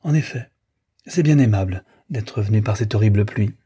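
Male reader doing a sorrowful, restrained wife; soft, plaintive, dark-toned. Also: lowish voice, normal speed, husky. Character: grieving, yearning bourgeois wife in her thirties. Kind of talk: audiobook character reading.

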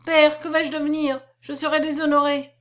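A woman's voice: high-pitched, brisk, pitched above the performer's own voice, natural voice. A woman reading aloud, voicing a desperate young woman who pleads and cries out at a locked door. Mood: pleading.

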